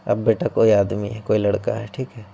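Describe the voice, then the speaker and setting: A man's voice: lowish voice, little pitch movement, normal speed, creaky, mellow, breathy edge. A man teaching an exam-prep class, explaining through playful memory tricks and often checking in with his students. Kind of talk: coaching-class lesson.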